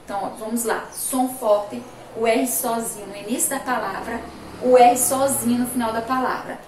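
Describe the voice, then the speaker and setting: A woman from Brazil teaching a phonics lesson to young children, speaking slowly and emphatically, repeating sounds and words. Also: a little high, fairly even intonation. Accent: Brazilian Portuguese, Sergipe. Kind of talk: remote school phonics lesson. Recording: echoey room, distant mic, faint noise.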